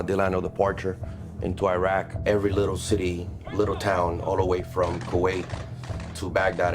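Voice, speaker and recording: A man, telling his story steadily in a documentary interview. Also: sits low. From Colombia. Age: 30s. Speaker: security company owner. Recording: music underneath.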